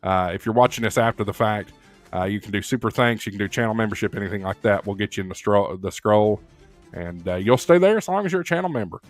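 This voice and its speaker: A man's voice: on the low side, animated, fast talker, soft background music. A man hosting a casual live stream, chatting loosely with many fillers and reading viewer comments aloud.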